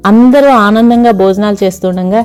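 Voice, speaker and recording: Female storyteller, mid-pitched, reading an audio story with light music underneath. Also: moderate pace, clear, resonant tone. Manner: steady, expressive storytelling. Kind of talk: audiobook narration.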